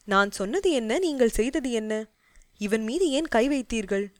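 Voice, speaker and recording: A woman's voice: medium pitch, lively intonation, normal speed, darkish tone, no room sound, studio quality, natural voice. A woman voicing an older male fort commander who gives orders and scolds his guards. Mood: angry.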